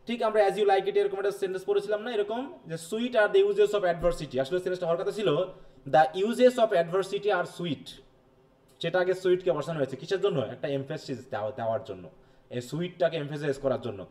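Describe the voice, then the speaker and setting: Man lecturing a class slowly. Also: high-pitched, a little mellow. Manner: explains slowly, reads English passages, checks understanding with questions. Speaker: teacher.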